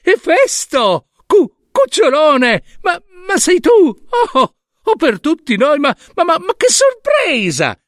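A man voicing a fawning, insincere queen goddess who stammers and gushes in a high, shrill voice. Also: huge pitch swings, slow, hardly any pauses, fairly bright tone, no room sound, studio quality, exaggerated voice. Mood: gushing.

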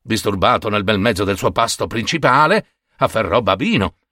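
A man narrating a folk tale in an expressive, dramatic storytelling manner. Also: on the low side, moderate pace, no room sound, clean studio sound.

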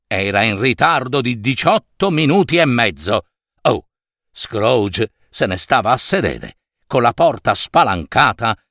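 A man narrating a story in a theatrical, expressive way. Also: mid-range voice, dry recording, studio quality.

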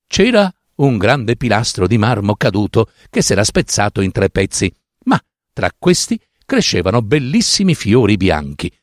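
A man reading a fairy tale aloud with a slow, sing-song, dramatic delivery on a close mic. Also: fairly low pitch, no room sound. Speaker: storyteller.

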